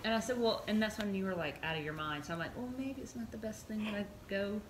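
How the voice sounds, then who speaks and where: A woman telling a funny story in a casual chat, acting out the lines of others with lively mimicry. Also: fast talker, echoey room, crowd noise, rough recording. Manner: animated, mimics others in a higher voice. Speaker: storyteller recounting events.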